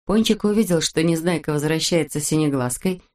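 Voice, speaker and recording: A woman narrating a children's storybook in a steady, expressive reading voice. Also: sits low, fairly quick.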